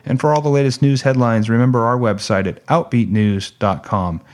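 A man hosts a radio news program. He reads headlines and community listings in a measured, announcer-like delivery. He also interviews guests, and his voice sits at an ordinary middle pitch. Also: a little mellow.

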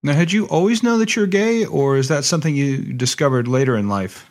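Measured male radio news host. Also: fairly high pitch, expressive, slight background noise. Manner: measured, announcer-like delivery. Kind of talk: radio news reading and interview.

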